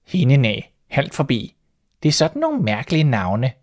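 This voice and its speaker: A man reading a fairy tale aloud, voicing a timid, trusting little female mouse in a high, startled squeak. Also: wildly swooping pitch. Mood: musing.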